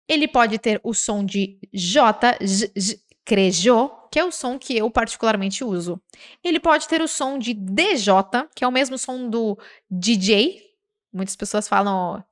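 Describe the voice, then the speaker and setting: A Brazilian woman teaching a language lesson, reading example sentences slowly and breaking into lively, chatty explanations. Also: fairly high pitch. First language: Portuguese. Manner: slow, drawn-out example words with lively asides. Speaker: Spanish teacher.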